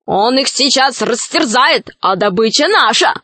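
A woman voicing an excited young male robber in an audiobook, shouting urgently. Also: fairly high pitch, unhurried, dry recording, exaggerated voice.

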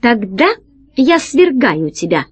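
A woman's voice: sing-song, takes it slowly, slightly rough, exaggerated voice. A woman voicing a jolly, greedy and cowardly male space pirate in a storybook reading, with a pleading, whiny delivery. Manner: pleading, higher and whinier than the narration.

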